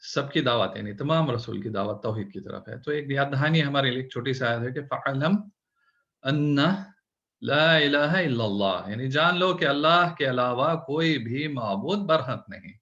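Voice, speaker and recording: A male teacher walks beginners through letter shapes, patient and methodical. His voice is bright and forward. The recording sounds dull and lo-fi. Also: mid-range voice, normal speed. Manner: patient, explaining step by step, opening with prayers. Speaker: Urdu teacher. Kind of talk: online language lesson.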